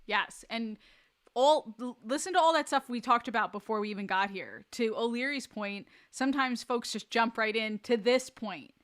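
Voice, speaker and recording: A woman co-hosting a business podcast, agreeable and brisk as she explains. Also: on the high side, fairly bright tone. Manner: agreeable, with short backchannels and a brisk teaching tone. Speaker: podcast co-host. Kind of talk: casual business podcast chat.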